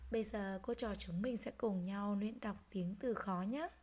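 A woman teacher giving a reading lesson to young children, speaking gently and pronouncing each word clearly. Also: medium pitch. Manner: gentle, slow, clearly articulated. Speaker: primary school teacher.

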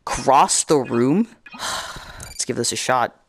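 Jumpy young gaming host. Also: male voice, medium pitch, slow, noisy background. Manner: jumpy, excitable, shrieks when scared. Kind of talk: casual gaming commentary. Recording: commentary over game music.

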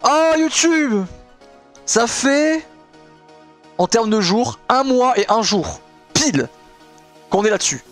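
A man's voice: very high voice, slow pace, long pauses, faint music behind. A young man streaming live, chatting with viewers in a rambling way with lots of fillers. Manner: excitable, shouting and laughing with joy. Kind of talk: live stream reaction and chat.

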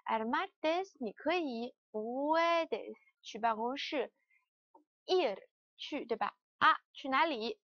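Woman teacher, high voice, slow drills, dry room, dull sound. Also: expressive, dry recording. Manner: slow, repeated word drills. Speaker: language teacher. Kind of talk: lesson.

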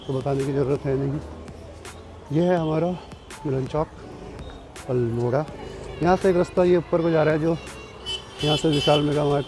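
Brief: young man, slightly sore throat, slightly high voice, outdoor market, faint music under it. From Uttarakhand, India. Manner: chatty tour-guide address to viewers. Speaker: vlogger. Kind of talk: walking city tour vlog. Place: outdoors in busy market streets.

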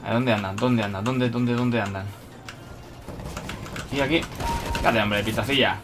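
A young man from Spain with a Spanish accent, giving live gameplay commentary, excitable, bursting into shouts and playful taunts. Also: medium pitch, moderate pace, background noise. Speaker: gaming commentator. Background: electronic background music.

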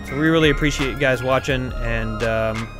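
A man's voice: medium pitch, brisk, over music. A man giving comedic commentary over a video game, joking and laughing often.

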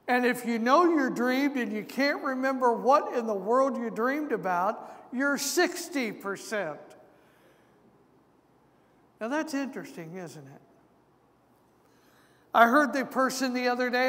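Slow-preaching man in a reverberant church. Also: very high-pitched, lively intonation, a bit bright. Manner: slow, deliberate preaching with asides. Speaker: pastor. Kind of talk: sermon. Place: large church sanctuary.

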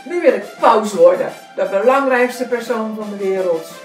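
A woman's voice: normal speed, echoey room, soft background music, lightly acted. A woman voicing a greedy, power-hungry fisherman's wife who shrieks her demands. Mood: demanding. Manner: shrill, demanding, screeching.

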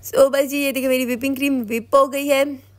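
A woman's voice: sits high, little pitch movement, a little fast, dry recording. A young Pakistani woman with an Urdu accent, a home baker giving a chatty, instructive cooking tutorial voice-over. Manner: chatty, instructive, repeats "ठीक है".

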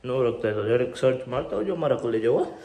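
Walking around town with his phone camera, a man vlogs casually, greeting his viewers warmly with devotional calls. He talks fast in an animated, mid-range voice over loud street noise.

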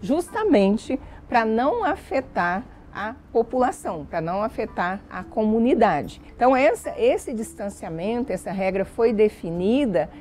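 A woman speaking as an industry association president, careful and measured in an official interview. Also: a little high, expressive, darkish tone, slight background noise.

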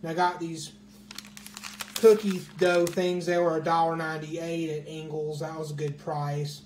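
At home in a small indoor room, a male vlogger walks through his grocery haul item by item on a handheld phone camera. His voice is fairly high, darkish, flat and unhurried, plain and matter-of-fact, recorded in an echoey room with faint hiss.

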